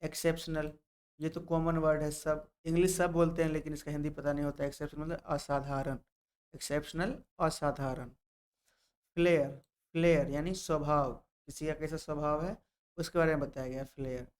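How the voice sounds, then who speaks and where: Man teaching vocabulary with a smooth voice. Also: a little high, flat delivery, moderate pace. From Bihar, India. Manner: repeats each word and meaning, spells words letter by letter. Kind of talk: vocabulary lesson.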